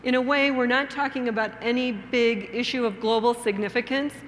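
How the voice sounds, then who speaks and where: A woman's voice: fairly high pitch, fairly even intonation, a little fast, slight background noise. A woman giving a conference lecture as a teacher educator, engaging her audience with questions and frequent tag "right?" checks. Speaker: plenary speaker and teacher educator. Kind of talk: conference lecture with a read-aloud story. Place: large conference hall. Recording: long hall reverb, faint room ambience.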